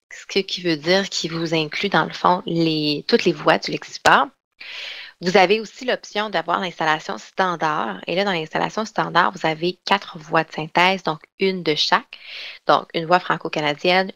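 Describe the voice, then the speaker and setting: A woman leads an online software training session. Her voice sits low, and her chatty, filler-heavy explanations come through a close, dry desk mic with no room sound. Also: creaky, no echo. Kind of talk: online webinar demonstration.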